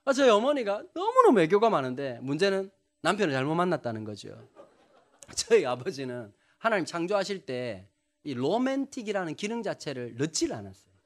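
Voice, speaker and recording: A male pastor preaching with humorous anecdotes and calling out to the congregation as he goes. His voice sits high and leaps about in very animated pitch. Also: a little fast. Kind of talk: sermon.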